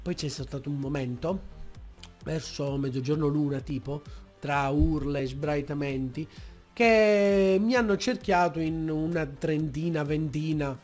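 A young man, telling a story on his vlog from a desk mic at home, acting out shouting fans. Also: a little slow, soft background music. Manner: animated, acts out shouting fans in high yells. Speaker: YouTuber. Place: room at home. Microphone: desk mic with pop filter.

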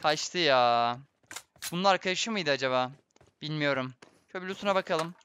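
A man's voice: a little high, a little fast, noisy background. A young man commenting live on his own gameplay for viewers, muttering his plans and then bursting out in frustration. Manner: excitable, swings between muttering and frustrated outbursts; addresses viewers constantly. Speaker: gaming streamer.

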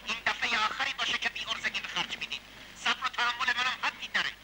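A man's voice: very high-pitched, noisy background. An actor playing a ruthless, impatient male crime boss who gives cold orders in a dubbed 1960s film. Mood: menacing.

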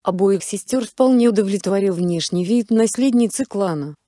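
A woman reading a fan-fiction story aloud, with steady, even storytelling. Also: medium pitch, normal speed, no echo, studio quality.

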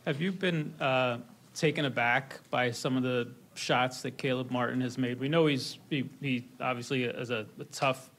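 Flat-voiced reporter asking a question. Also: male voice, mid-range voice, moderate pace.

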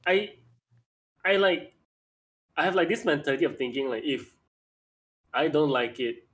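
A man's voice: fairly high pitch, expressive, normal speed, fairly bright tone. A man chatting casually on a podcast, complaining bluntly and swearing. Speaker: art streamer and podcast co-host.

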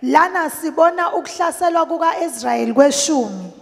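A woman's voice: high voice, animated, moderate pace, vocal fry. A woman interpreting a sermon live, repeating each phrase after the preacher. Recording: reverberant church hall.

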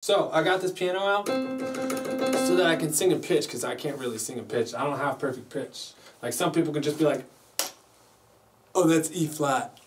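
A man's voice: fairly high pitch, a little fast, over music. A man casually vlogging in his home studio, chatty and joking at his own expense. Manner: playful, chatty, jokes at himself. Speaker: music producer. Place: home recording studio with mixing desk. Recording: distant mic, faint background noise.

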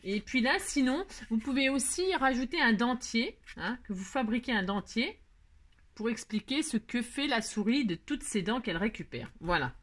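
A woman's voice: fairly high pitch, expressive, normal speed, a bit bright. A woman hosting a casual scrapbooking tutorial at home, chatting to viewers in a rambling, self-mocking way as she works. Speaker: craft tutorial host.

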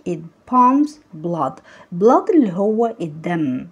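A woman's voice: medium pitch, sing-song, slow pace, breathy edge, dull audio. A woman with an Egyptian accent teaching young children, patiently repeating words and praising her pupils. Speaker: English teacher. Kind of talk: online lesson for young children.

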